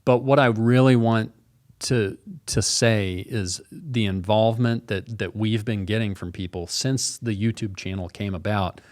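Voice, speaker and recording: A man's voice: on the low side, fairly even intonation, a little slow, darkish tone, no echo, clean studio sound. A man co-hosting a podcast in casual chat, earnest and rambling with frequent restarts. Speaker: podcast co-host.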